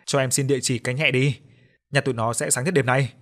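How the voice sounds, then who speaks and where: A man voicing a brash, hotheaded young militiaman who shouts rowdy threats in an audio story. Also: medium pitch, fairly even intonation, fast talker, natural voice. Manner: loud and rowdy.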